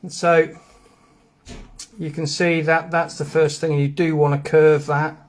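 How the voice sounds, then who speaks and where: A man's voice: on the high side, level tone, a little slow. A man with a Geordie accent hosting a live stream, rambling casually as he explains things step by step. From England. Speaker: host. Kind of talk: live stream demo and chat.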